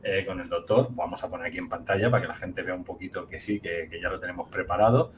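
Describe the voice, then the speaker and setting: A man's voice: sits low, steady tone, fast, a little hiss or hum. A man from Catalonia with a light Catalan accent, hosting a chat and joking and laughing often. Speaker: host. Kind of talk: casual conversation.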